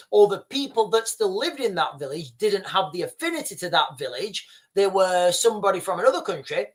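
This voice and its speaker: A livestream host from Yorkshire, England, goes through viewer comments in casual commentary. His voice sits high with a fairly bright tone, and he rambles, restarting and repeating phrases while frequently saying "guys" to his viewers.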